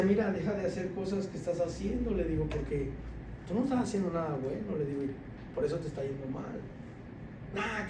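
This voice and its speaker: A man, a deacon giving a sermon testimony, telling an animated story with laughter and dropping his voice low when he quotes others. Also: noisy background. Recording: echoey room from far off with faint ambience.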